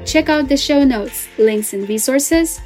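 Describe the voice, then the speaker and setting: Woman podcast host, upbeat and effusive, slightly high voice, faint music under. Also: a little slow, a little mellow. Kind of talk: scripted intro and interview questions.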